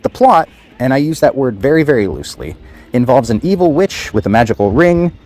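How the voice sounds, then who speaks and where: A man reviews an old film on his podcast, and his delivery is dry and sarcastic. He reads from a script but slips into casual fillers and restarts now and then. His voice sits in an ordinary middle pitch for a man. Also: very animated, a little fast, darkish tone, faint music behind. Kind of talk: scripted movie review monologue.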